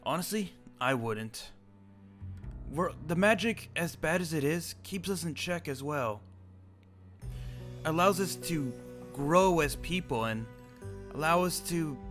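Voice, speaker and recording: In an in-character roleplay chat, a young man plays an old immortal wizard, rambling and restarting his sentences. His voice is a little high, a little slow and a bit bright, with faint music in the background.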